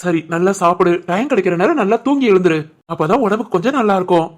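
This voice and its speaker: A doting cartoon grandfather, voiced by a woman, speaks at an ordinary middle pitch with a southern Tamil lilt from the Tirunelveli area. He teases his wife playfully and fusses over his grandson. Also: expressive, fast talker, close to an everyday voice. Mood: caring. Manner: teasing, warm, jokey. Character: joking older grandfather, doting and cheeky.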